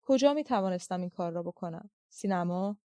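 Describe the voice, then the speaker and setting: A woman narrating a literary audiobook in a measured, reflective way. Her voice sits a bit high. The recording is close and dry, with no room sound. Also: lively intonation, darkish tone, no room sound.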